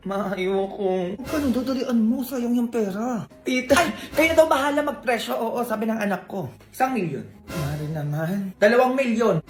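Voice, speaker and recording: A woman acting out comic family and classroom skits, switching between characters in a lively, teasing way. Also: a little high, reverberant. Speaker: comedy sketch performer. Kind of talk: skit comedy acting many characters.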